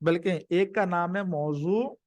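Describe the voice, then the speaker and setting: A man giving a live grammar lesson, who explains patiently, slows down to stress each word of a definition and keeps checking with his listeners. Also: high voice, no echo. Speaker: teacher.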